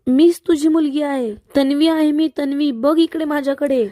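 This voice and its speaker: A woman reading the part of a scheming young woman, anxious and pleading, in a high voice with a dark, mellow tone. The sound is dry and close. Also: fairly even intonation, normal speed, dry recording, lightly acted. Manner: frightened, pleading.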